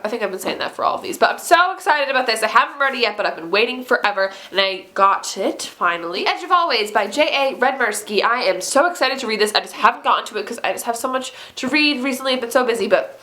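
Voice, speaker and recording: A woman's voice: a little high, pushed and bright. A young woman in a casual book haul video, gushing with enthusiasm and using lots of fillers. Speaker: book vlogger.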